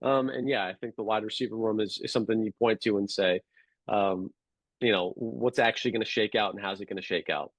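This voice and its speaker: A man talking sports as a podcast guest, measured and analytical, with frequent fillers and restarts. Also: on the low side, fairly even intonation, no room sound, poor audio. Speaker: guest sports radio producer. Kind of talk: casual sports podcast chat.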